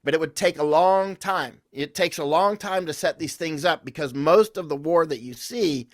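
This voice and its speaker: A man's voice: a little high, normal speed, no echo, studio quality. A man speaking as a podcast guest, telling rambling, anecdotal stories with restarts and confident, emphatic declarations. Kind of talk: conversational interview storytelling.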